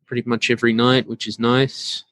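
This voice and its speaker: A man hosting a podcast, chatting in a laid-back, halting way with lots of fillers and murmured agreement. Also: medium pitch, level tone, fairly bright tone, no echo. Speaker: podcast host. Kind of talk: casual podcast chat.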